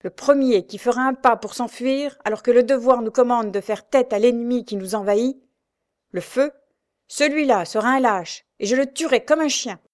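A stern, brave male sea captain barks his orders in a raised, declaiming voice, as a woman reads him aloud. He sounds firm and in command, every line pitched high and loud. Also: moderate pace, natural voice.

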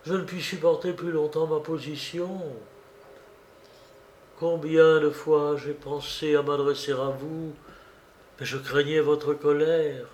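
A man's voice: a little high, flat delivery, takes it slowly, a little mellow. A man voicing a desperate, tearful estranged wife who pleads theatrically in an audiobook reading. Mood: pleading. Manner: pleading, theatrical, sobbing outbursts. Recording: roomy echo.

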